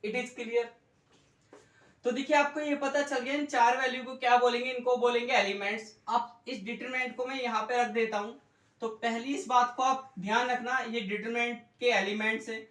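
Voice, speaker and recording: A man teaching a math lesson at a board, explaining slowly, repeating points and quizzing his students. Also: very high voice, fairly even intonation, fairly bright tone. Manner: slow, repetitive, quizzes students with questions. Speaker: economics tutor. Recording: echoey room, mic far off.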